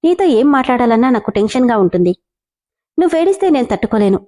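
Cheeky young guy in love, teasing then sweet-talking, done by a woman narrator, mellow and kinda high. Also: sing-song, quick pace. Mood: soothing. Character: young man in love, teasing, boastful but doting.

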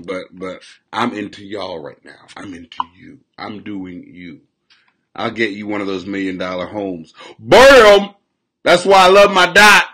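Streaming live from his desk in a small home room, a forties-aged man launches into a crude, rambling comedy rant picked up by his webcam. Speaking in a mid-range voice, he laughs and lurches between loud shouting and mumbling.

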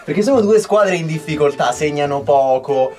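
A young man, a football commentator, chatting casually and excitedly. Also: on the high side, normal speed, soft background music. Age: young adult.

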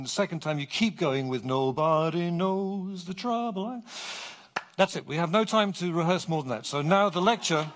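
A middle-aged man from England, giving a public lecture from his script on a theatre stage. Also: fairly high pitch. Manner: animated, clear and measured.

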